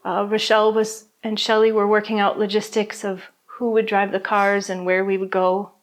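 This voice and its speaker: A middle-aged woman giving documentary interview testimony as a bereaved mother, speaking softly and reflectively with halting pauses. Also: medium pitch, level tone. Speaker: bereaved mother telling her story.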